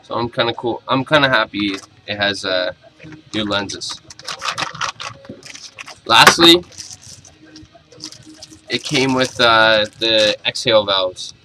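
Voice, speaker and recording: A man's voice: fairly low pitch, takes it slowly, pauses often, background noise. A young adult man giving a casual video review in a blunt, informal way. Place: small cluttered bedroom, indoors.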